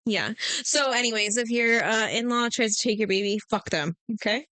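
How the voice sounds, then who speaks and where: A woman co-hosting a podcast in casual chat, blunt and animated, cursing freely. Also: fairly high pitch, normal speed, no echo. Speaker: podcast co-host.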